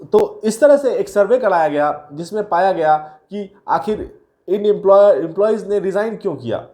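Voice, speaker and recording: A man with a notably high voice talks straight to his viewers. He explains in a loose, chatty way, calling them guys and mixing in English terms. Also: animated, moderate pace, mellow. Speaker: career video host. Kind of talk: casual explainer talk to viewers.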